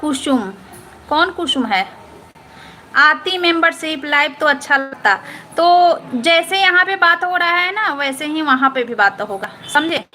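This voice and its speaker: Her voice is high-pitched, expressive and unhurried, pushed and bright, with slight background noise. She's a live-stream host from Patna, Bihar, chatting casually as she answers viewers, repeating points and asking "understood?" again and again.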